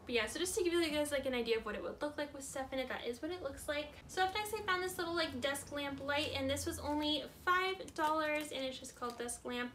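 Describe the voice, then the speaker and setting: Casting: female vlogger, twenties, high-pitched and chirpy, informal haul-video chat, slightly noisy indoor recording. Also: quick pace, hardly any pauses, fairly bright tone. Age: 20s. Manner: frequent "like" as filler, informal.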